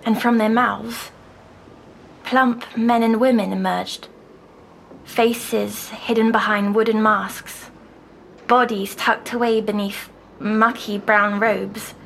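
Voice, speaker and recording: A woman, softly recounting a dream as a patient in an audio drama. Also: mid-range voice, steady tone, creaky, slight background noise, low-quality recording. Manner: soft, slow, dreamy recounting.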